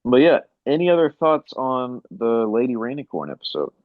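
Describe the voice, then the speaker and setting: A man hosts a relaxed podcast discussion, steering the talk with a ready laugh. His voice sits in a middling pitch. The recording is dry and a bit dull, like a budget home mic. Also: moderate pace, no echo. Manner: laughs often, leads the discussion. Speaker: podcast host. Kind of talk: casual chat.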